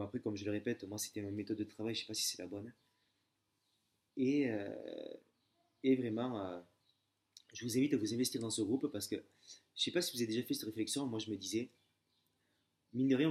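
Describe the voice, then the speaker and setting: A young exam candidate with a low, darkish voice shares his approach in a relaxed vlog. He tells his stories hesitantly and familiarly, often restarting and leaning on fillers.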